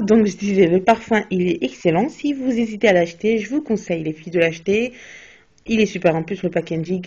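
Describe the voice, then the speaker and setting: A woman's voice: mid-range voice, mellow. A young woman chatting casually about her recent beauty purchases, hesitant, with many fillers and restarts, recorded on a phone. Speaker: beauty vlogger. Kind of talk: casual product haul chat. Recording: dull lo-fi phone video.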